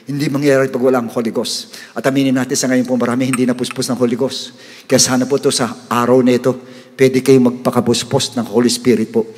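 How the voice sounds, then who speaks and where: A man preaching a sermon as pastor, mixing Tagalog and English and rising to loud, emphatic peaks when reading scripture. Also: medium pitch, little pitch movement, fast. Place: church hall. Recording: long hall reverb.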